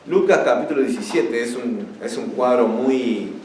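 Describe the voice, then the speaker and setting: A man's voice: mid-range voice, normal speed, a little mellow. A young male pastor preaches a sermon, repeating his key words and lifting his voice for scripture. His medium voice echoes around a roomy church hall, heard from some distance with a faint hum of ambience behind it. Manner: teaching, repeats key words, rises when reading scripture aloud.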